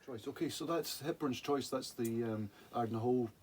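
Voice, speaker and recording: A man's voice: medium pitch, normal speed, darkish tone. A man co-hosting a casual, boozy whisky chat, rambling and often losing his thread. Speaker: podcast co-host. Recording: clear background noise.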